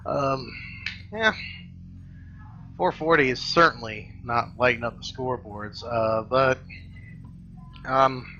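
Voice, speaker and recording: A man giving casual, off-the-cuff game commentary in a rambling, halting way, often correcting himself and using blunt, salty slang. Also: mid-range voice, sharp tone, highs cut off. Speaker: gaming video host.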